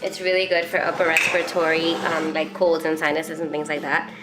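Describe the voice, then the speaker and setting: A woman's voice: sits low, little pitch movement, brisk, loud music behind the voice. Nasal, stuffed-up woman chatting casually. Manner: chatty and rambling, heavy on "like" and "um". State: congested with a head cold. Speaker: herbalist vlogger. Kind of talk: casual how-to chat.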